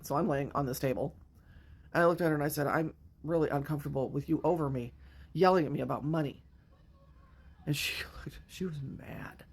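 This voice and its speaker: A woman's voice: low-pitched, fairly quick, long pauses, breathy edge. A woman in her fifties from the Midwestern United States, telling a personal story to camera in a candid, emotional and blunt way, with some swearing. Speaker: vlogger. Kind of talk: casual storytime monologue.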